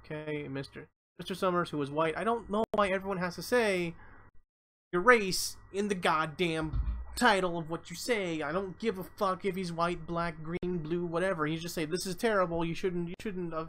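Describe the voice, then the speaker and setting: A man's voice: fairly high pitch, steady tone, quick pace, a bit bright, slight background noise, rough recording. A man live streaming, reading a news article aloud and breaking off with blunt, profane commentary, often stumbling over words.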